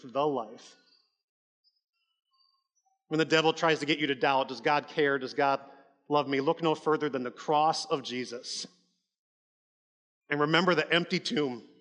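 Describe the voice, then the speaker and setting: Male pastor, conversational but emphatic sermon delivery, bright tone, long hall reverb. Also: fairly high pitch. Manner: conversational, emphatic preaching with frequent "like" and restarts.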